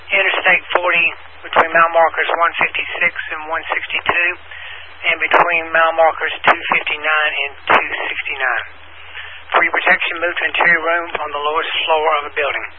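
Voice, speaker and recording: Man on a staticky ham radio. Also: on the high side. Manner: flat, steady read-out. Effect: two-way radio transmission with static. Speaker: weather spotter station relaying a warning. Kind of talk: reading a weather bulletin over ham radio. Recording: narrow radio band with hiss.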